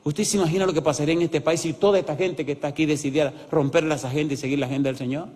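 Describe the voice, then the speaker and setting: A man preaching a sermon as pastor, animated and asking his audience yes-or-no questions. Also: a little high, very fast. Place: church hall. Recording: long hall reverb.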